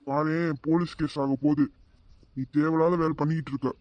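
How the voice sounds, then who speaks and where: A woman's voice: sits low, steady tone, brisk, darkish tone, lo-fi sound, lightly acted. Woman playing a grumbling tired father. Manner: scolding, weary grumbling.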